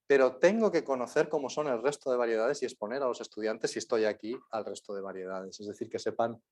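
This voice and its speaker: A man's voice: medium pitch, quick pace, a little mellow. A man with a Spain Spanish accent, a guest lecturer answering questions in a university lecture room, rambling on with frequent tag questions.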